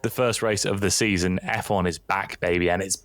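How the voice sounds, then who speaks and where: Low-voiced man, excitable podcast co-host. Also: normal speed, no echo. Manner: excitable, animated banter. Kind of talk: casual chat.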